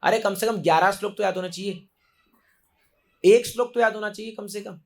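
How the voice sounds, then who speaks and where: A man's voice: sits high, fairly even intonation, fairly quick, darkish tone. A man giving a sermon to devotees, exhorting them emphatically, repeating key phrases and mixing English words into his Hindi. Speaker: temple preacher.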